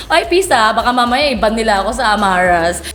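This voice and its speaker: A woman's voice: a little high, very animated, normal speed, heavy background noise. A woman, chatty and teasing, narrating a vlog about her daughter. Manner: chatty and teasing, laughs at her own jokes. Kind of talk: playful voice-over narration.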